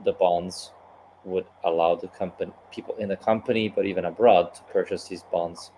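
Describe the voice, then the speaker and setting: A man interviewing a guest in casual conversation, chiming in with quick agreements and polite questions. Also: low voice, steady tone, mellow, slight background noise, low-quality recording.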